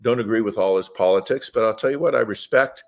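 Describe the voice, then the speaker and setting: A man's voice: fairly low pitch, quick pace. A man talking as an interview guest, telling rambling stories in a plainspoken, opinionated way and wandering off the subject. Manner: rambling, digressive storytelling. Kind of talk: casual conversational interview.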